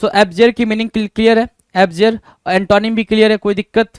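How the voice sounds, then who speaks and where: Close, dry audio with no echo captures a man with a high voice teaching vocabulary for an exam. His delivery is clear, smooth, steady and brisk as he repeatedly poses rhetorical questions to the class, answers them, and says every key word again.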